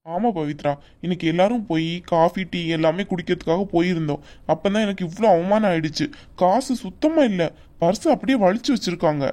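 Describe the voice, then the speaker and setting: A woman's voice: fairly low pitch, brisk, dark tone, lightly acted. A woman voicing a hot-tempered young man in a cartoon, scolding his family with indignant outbursts. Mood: annoyed. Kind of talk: animated cartoon voice acting.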